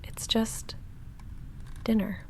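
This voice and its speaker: A woman acts as a goth vampire roommate in an intimate ASMR roleplay, with slight background noise in the recording. She comes across defensive and deadpan: soft-spoken, halting, dry and guarded, though quietly affectionate, and often close to whispering.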